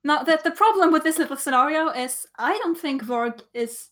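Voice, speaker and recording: A woman's voice: high-pitched, lively intonation, normal speed, fairly bright tone, a little hiss or hum. A woman co-hosting a casual comedic podcast chat, rambling and swearing freely. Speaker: podcast co-host.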